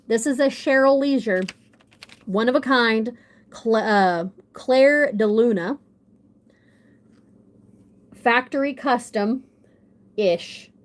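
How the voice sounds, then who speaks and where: A woman, gushing and rambling on a casual livestream, showing off her collection with lots of restarts. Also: mid-range voice. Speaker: model horse collector hosting a livestream.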